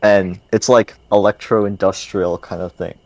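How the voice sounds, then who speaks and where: A podcast co-host, animated and joking, who swears for emphasis. His voice sits low, and the sound is dry and close. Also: a little slow, dry recording. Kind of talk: casual podcast chat.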